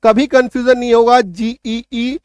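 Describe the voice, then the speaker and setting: High-pitched guy teaching spelling, stretches words out slow, keeps asking if you got it, dry sound. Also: little pitch movement, darkish tone, smooth, no echo. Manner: emphatic, repeats key points with rhetorical checks; stretches out example words slowly. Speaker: English teacher. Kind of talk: online spelling lesson.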